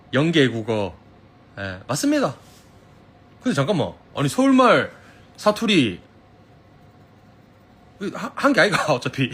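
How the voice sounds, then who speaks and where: Man, Gyeongsang accent, casual live-stream host on a phone, husky and lively in pitch, playful and quick to laugh. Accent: Gyeongsang Korean. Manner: playful, laughs often, teasing. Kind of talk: casual live-stream chat reading comments.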